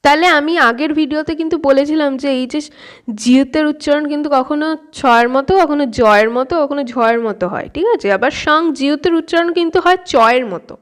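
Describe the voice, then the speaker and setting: High-voiced woman patiently teaching pronunciation. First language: Bengali. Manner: patient, repeats sounds slowly, asks "okay?" often. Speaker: Korean language teacher. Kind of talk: casual spoken lesson.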